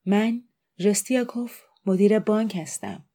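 A woman's voice: mid-range voice, mellow, natural voice. A woman voicing a pompous bespectacled bank director who protests in a formal, offended way, in an audiobook reading. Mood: indignant.

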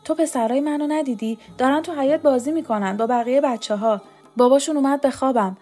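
A woman voicing a bedridden woman, high, faint and halting, wandering in fever, in a story read aloud. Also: warm tone, faint music behind. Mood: feverish. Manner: weak, halting, drifting into delirium.

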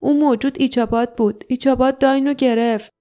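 A trapped young man calls out in a hurried, strained voice, as a woman reads him. The pitch sits a little higher than hers, with a warm tone. It is a storybook reading. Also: fairly even intonation, natural voice.

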